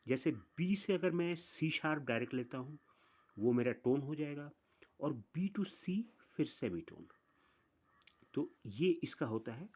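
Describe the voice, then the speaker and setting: A man teaches music theory as a patient, methodical instructor. He speaks slowly and deliberately in a slightly raised voice, counting through the notes one at a time. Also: a little high, warm tone. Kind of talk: explaining music theory step by step.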